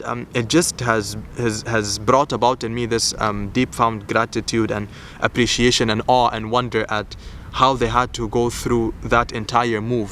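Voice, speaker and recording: A man's voice: mid-range voice, fairly bright tone, slight background noise. A young man from Malaysia vlogging outdoors in a city, talking earnestly and rambling, restarting his words and using many "you know"s. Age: young adult. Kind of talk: casual outdoor vlog talk.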